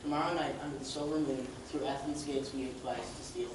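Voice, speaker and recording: A man's voice: medium pitch, steady tone, fast talker, a little hiss or hum, natural voice. A man playing an earnest young lover. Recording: echoey hall, far mic, clicks.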